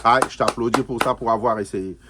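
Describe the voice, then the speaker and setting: A man's voice: mid-range voice, fairly quick, very noisy. A man giving casual, chatty commentary on rap, teasing and laughing as he repeats his points. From Congo.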